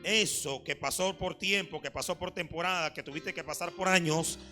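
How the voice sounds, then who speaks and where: A man's voice: on the high side, moderate pace, sharp tone, faint music behind. A male pastor preaching a Sunday sermon in church, emphatic and repetitive, often asking the congregation questions. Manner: emphatic preaching, repeated phrases. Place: church service.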